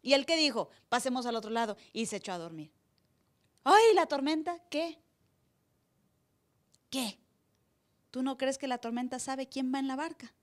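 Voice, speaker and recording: A woman pastor preaching a sermon live in church, acting out voices with sudden loud cries. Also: sits high, normal speed, pauses often.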